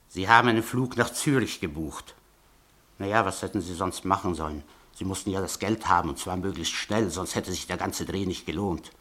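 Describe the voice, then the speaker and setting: In a radio play, a male actor voices a sly, mocking informant who blackmails with oily politeness and frames his threats as a fairy tale. The mood is threatening, and his low voice is bright and forceful.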